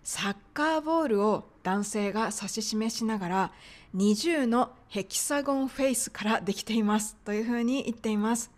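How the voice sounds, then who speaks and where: Polite higher-pitched woman teaching pronunciation. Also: normal speed. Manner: polite, explanatory. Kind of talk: podcast lesson.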